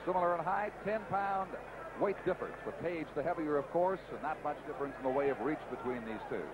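Male live boxing broadcaster, high-pitched, very loud arena din underneath. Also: fast talker. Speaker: play-by-play boxing commentator. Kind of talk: live sports broadcast commentary. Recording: loud crowd noise behind voice. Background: roaring arena crowd.

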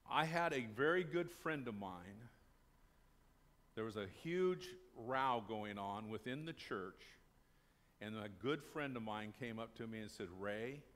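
Inside a small church sanctuary, an older pastor delivers a sermon, speaking to his congregation in a conversational manner and posing questions he then answers himself. His voice is medium in pitch with a bit of brightness.

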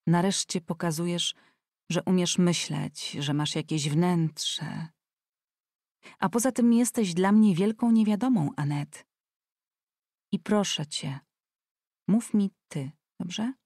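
A woman reading an audiobook voices a kind, frank young man who speaks calmly and persuasively. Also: fairly low pitch, takes it slowly, long pauses, dry recording, clean studio sound. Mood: earnest.

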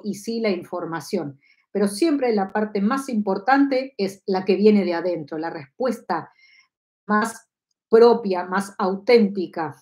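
A woman's voice: mid-range voice, a little mellow. A woman in her fifties with an Argentine Spanish accent, teaching a live online lesson from her home study on a lapel mic, often checking that listeners follow. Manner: explanatory, asks listeners for agreement. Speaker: Kabbalah teacher.

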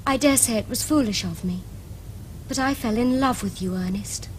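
A young woman with a slightly high voice speaks at a normal pace, acting lightly against a faint background noise. She's an actress in a televised period stage comedy, playing a prim, romantic Victorian lady in precise, formal, earnest English Received Pronunciation. Her mood comes across as dreamy yet matter-of-fact.

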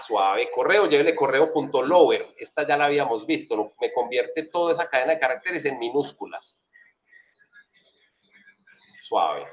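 A man with a Colombian accent giving a casual, chatty programming lesson, walking through his code with plenty of slang and repeated check-in questions to his students. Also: medium pitch. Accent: Colombian Spanish. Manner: chatty, slangy, asks "right?" often. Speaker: programming instructor. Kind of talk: casual screen-share coding lesson.

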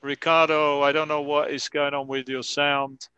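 A man teaching English grammar in Spanish to students on a video call, slowly repeating example sentences to model pronunciation. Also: fairly high pitch, little pitch movement, sharp tone, clean tone, dry recording, lo-fi sound. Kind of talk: online class explaining grammar.

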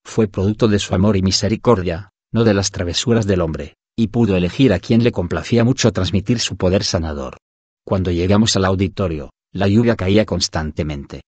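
A man with a low voice reads an audiobook in scripted narration. His delivery is steady and even, and he sometimes reads punctuation marks aloud. The sound is dry and close, with no room echo. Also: a little fast, breathy edge.

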